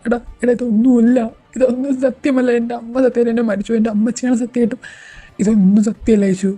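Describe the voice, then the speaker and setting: A woman's voice: on the high side, flat delivery, brisk, warm tone, breathy edge. A woman playing a young male boss who stammers and pleads urgently in an amateur audio drama. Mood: pleading.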